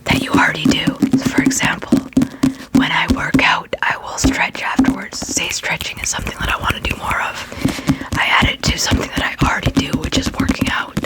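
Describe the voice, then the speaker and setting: An ASMR creator talks through books entirely in a whisper. The voice is breathy and unvoiced. Phrases are sometimes repeated for effect. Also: a little fast.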